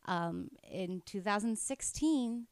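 A young woman in casual podcast conversation, frank and emphatic, quick to agree. Her mid-pitched voice sits close and dry, with no room sound. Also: animated, dry recording. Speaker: podcast co-host. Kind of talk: casual chat.

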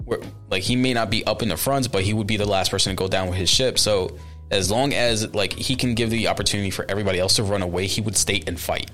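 A man's voice: fairly low pitch, fast, fairly bright tone, soft background music. Laid-back, eager podcast guest man. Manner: laid-back and eager, saying "bro" and "dude". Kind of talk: casual podcast chat.

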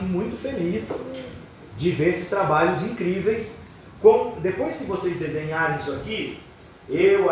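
A man with a Brazilian accent addresses a class of children like a kindergarten teacher, encouraging them with simple instructions and checking questions. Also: high-pitched. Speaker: workshop leader for schoolchildren. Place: roomy classroom indoors. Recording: echoey classroom with faint background noise.

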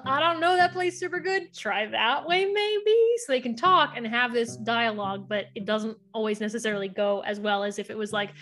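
A woman's voice: fairly high pitch, fairly bright tone. A woman guest explaining astrology in casual podcast chat, acting out little voices and swearing casually.

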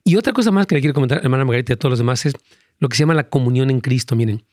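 A man's voice: medium pitch, very fast, a little mellow, dry recording, clean studio sound. A man, a pastor, earnestly answering callers' Bible questions, rambling with many fillers.

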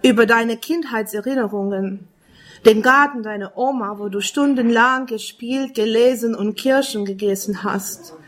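Woman reading spoken-word poetry. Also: on the high side. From Romania. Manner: measured, earnest, second-person address.

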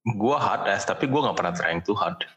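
A fairly low-pitched Indonesian man talks in a colloquial Jakarta accent. He explains himself casually, slipping English phrases into slangy speech. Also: lively intonation, normal speed, bright, forceful tone, lo-fi sound. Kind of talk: casual chat.

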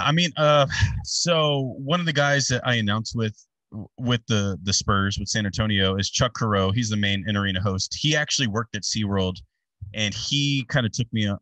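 A man in his thirties, a sports announcer, telling his story in a casual interview with animated, chatty delivery full of fillers. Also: fairly low pitch, no echo, distant mic.

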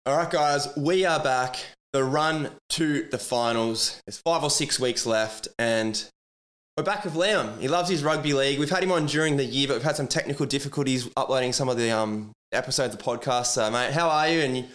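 A man's voice: mid-range voice, moderate pace, fairly bright tone. An Australian man hosting a sports podcast in casual chat, with a blokey, matey, slangy manner like a tradie.

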